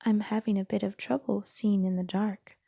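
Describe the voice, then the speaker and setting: A woman voicing a gentle, indulgent mother kangaroo in a storybook, soft, tender and measured. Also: medium pitch, little pitch movement, vocal fry, no room sound, clean studio sound. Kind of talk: storybook read-aloud.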